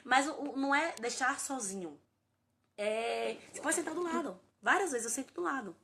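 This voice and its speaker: A woman's voice: high-pitched, animated, moderate pace. A woman in her thirties from Brazil, a parenting educator chatting casually on a phone live stream and answering viewers by name. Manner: warm, earnest, addresses viewers by name and as "gente".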